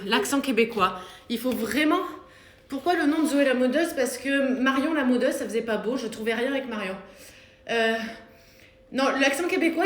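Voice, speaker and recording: A woman's voice: sits high, fairly bright tone. A woman coaching a live home workout, chatty and joking as she gives exercise cues between comments from viewers. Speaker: fitness coach. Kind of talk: live workout coaching while reading chat. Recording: roomy room with music playing. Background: workout music.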